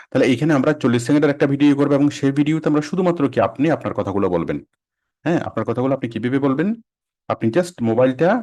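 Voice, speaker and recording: A man teaching a casual online class, quick and conversational, repeating and restarting phrases. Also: medium pitch, darkish tone. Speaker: freelancing instructor.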